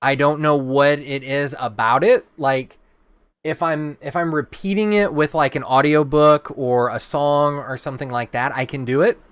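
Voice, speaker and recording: A man's voice: on the high side, fairly even intonation, moderate pace, a bit bright, smooth, no room sound. A man hosting a live card-opening stream, chatting and teasing his co-host in casual banter.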